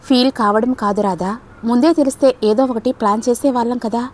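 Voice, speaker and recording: A woman's voice: a little high, a little fast, darkish tone, lightly acted. A woman voicing a caring, teasing young man who narrates the story, delivered earnestly in an audiobook. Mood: scolding. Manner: earnest, then playfully teasing.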